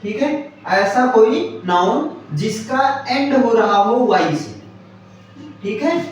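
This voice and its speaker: A man's voice: extremely high pitch, expressive, slow, distant mic, a little hiss or hum. Male teacher in a very echoey classroom. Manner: repeats points, checks understanding often, spells words out letter by letter. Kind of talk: classroom grammar lesson. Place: classroom with students answering together.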